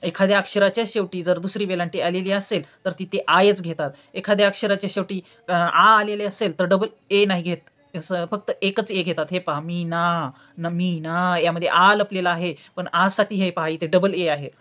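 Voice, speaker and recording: Woman teaching spelling, slow and repetitive. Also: on the low side, steady tone, a bit bright. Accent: Marathi. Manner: slow, repeats words syllable by syllable. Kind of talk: spelling lesson, explaining.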